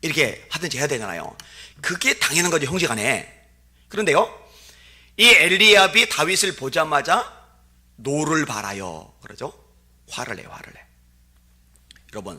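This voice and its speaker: A middle-aged man preaching a revival sermon in a church, moving from chatty asides to loud, climbing peaks as he acts out quoted voices. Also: medium pitch. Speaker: guest pastor. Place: church sanctuary.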